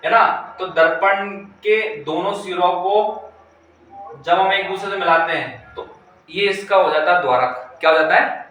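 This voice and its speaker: A man's voice: sits high, pushed and bright. A male physics teacher explaining a lesson, asking questions and answering them himself, repeating key terms. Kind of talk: classroom-style explanation. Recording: echoey room, mic far off, faint hiss.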